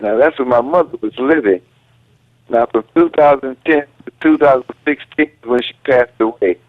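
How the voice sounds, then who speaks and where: A polite male caller talking in a plain, halting way over a phone line that keeps cutting in and out. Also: mid-range voice, dry recording. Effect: phone line breaking up, voice cutting in and out. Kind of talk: call-in radio conversation.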